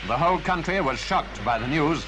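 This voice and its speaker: A man narrating an old newsreel in a grave, formal, measured manner. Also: fairly high pitch, lively intonation, background noise. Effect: old newsreel voice-over. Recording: voice-over with music underneath.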